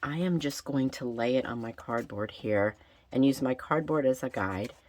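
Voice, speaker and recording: Female craft host, deep gravelly whiskey rasp from recent illness, informal and chatty, thinking aloud while she works. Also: moderate pace, a little mellow. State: getting over a recent illness. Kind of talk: casual craft tutorial chat.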